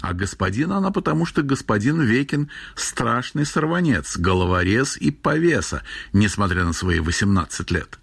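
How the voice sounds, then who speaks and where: A man reading aloud, voicing a huge dry old uncle who speaks too loudly and sternly for his age. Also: fairly low pitch, sing-song, normal speed, creaky, few pauses, husky, no echo, exaggerated voice. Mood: jovial teasing.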